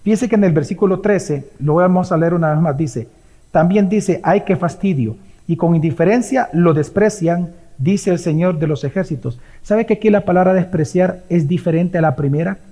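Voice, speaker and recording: A man preaching a Sunday sermon, emphatic, swinging between loud declarations and hushed asides. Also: high voice, normal speed. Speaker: pastor. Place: church sanctuary. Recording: long hall reverb.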